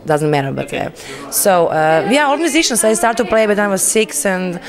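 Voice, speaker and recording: A woman's voice: mid-range voice, expressive, a little fast. A woman from Croatia, answering interview questions in a small room and searching for words. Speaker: cellist being interviewed. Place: small indoor event room.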